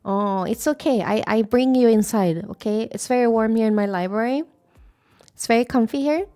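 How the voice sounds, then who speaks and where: A woman VTuber chatting casually on a live stream, playful and rambling, with sudden squeaky greetings. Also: moderate pace, warm tone. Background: faint background music.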